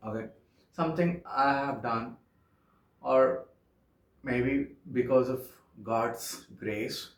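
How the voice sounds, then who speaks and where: A young vlogger from Andhra Pradesh, India, speaks Telugu-accented English in a sincere, halting personal monologue, often filling gaps with "okay." His voice is mid-pitched, and the room gives it an echo.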